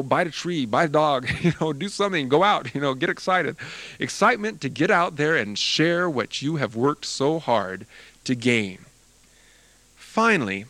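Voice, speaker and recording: An older man addresses music students in an earnest, encouraging talk. His voice sits at a middle pitch but swings up and down with lively emphasis. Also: dry recording, poor audio. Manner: earnest, encouraging, animated delivery. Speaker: music teacher.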